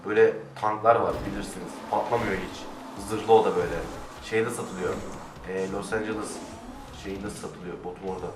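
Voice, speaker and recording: A man giving casual let's-play commentary, excitable, swearing and shouting at the game. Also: fairly low pitch, fairly quick, background noise. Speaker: gamer. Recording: roomy, distant mic with faint music.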